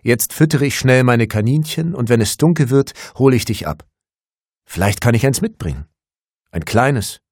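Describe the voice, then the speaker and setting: A man's voice: mid-range voice, lively intonation, moderate pace, dry recording, clean studio sound, voice pushed up. A man voicing a coaxing kindly old man. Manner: coaxing, gently persuasive. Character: kindly older man with bowed legs.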